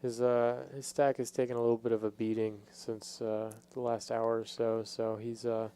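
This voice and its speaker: A man's voice: mid-range voice, level tone, moderate pace, dark tone, clean tone. A man giving casual live poker commentary in a hesitant, thinking-aloud way.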